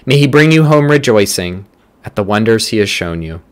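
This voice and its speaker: A man with a somewhat low voice reads scripture and leads prayer for a church's daily devotion. He speaks in measured, deliberate short phrases. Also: animated. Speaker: church reader leading morning prayer.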